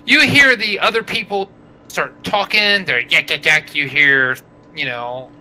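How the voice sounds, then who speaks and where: A man's voice: fairly high pitch, a little slow, pushed and bright, low-quality recording. A man narrating a tabletop game as game master, rambling with many fillers. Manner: rambling, many fillers, voices innkeeper and villagers.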